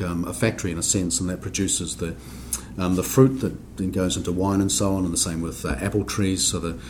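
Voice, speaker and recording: An accounting standards board member from New Zealand, a man with a low, deep voice, walks through technical matters steadily on a podcast. Frequent ums and restarts mark his speech, with a faint hiss in the background.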